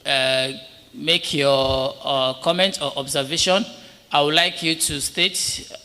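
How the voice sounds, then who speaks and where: A man chairs a session in a big conference hall, and his slightly high voice rings with a long reverb. He talks hesitantly, padding his sentences with filler sounds. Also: steady tone, takes it slowly, bright, forceful tone, clean tone. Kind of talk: moderating a public policy meeting.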